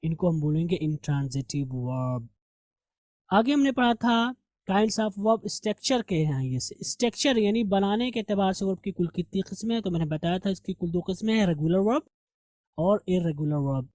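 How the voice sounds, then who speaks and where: Male teacher, warm and dry, patiently walks through grammar rules in a recorded lesson. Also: high-pitched, expressive, normal speed, no room sound. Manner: explains step by step, asks and answers his own questions.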